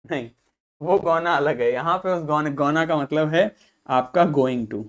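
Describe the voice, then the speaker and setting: A man with a slightly high voice teaches vocabulary to a class, posing questions and then answering them himself. He says each word slowly, several times over.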